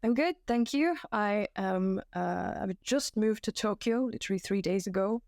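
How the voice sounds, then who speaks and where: A woman's voice: mid-range voice, expressive, normal speed, darkish tone, dry recording, clean studio sound, faint music behind. A young woman from Belgium, a podcast guest, talking casually and self-deprecatingly with many fillers and restarts, at home. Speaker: guest, climbing competition volunteer. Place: floor of a new room at home. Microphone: home setup.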